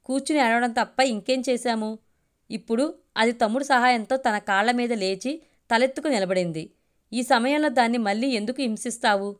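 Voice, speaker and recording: A woman voicing a gentle, reasonable father who reasons with his wife in a storybook reading. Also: on the high side, normal speed, lightly acted. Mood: reasoning.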